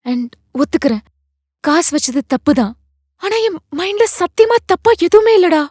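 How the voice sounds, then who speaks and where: A woman's voice: very high voice, big pitch swings, moderate pace, a little mellow, no room sound, studio quality. An actress playing a young wife who argues and pleads with her husband, her voice tense with emotion. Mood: pleading. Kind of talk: short film acting.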